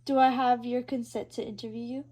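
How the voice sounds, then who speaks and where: A woman's voice: on the high side, level tone, a little fast, darkish tone. Young woman reading interview questions. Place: her uncle's house. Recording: poor quality home recording.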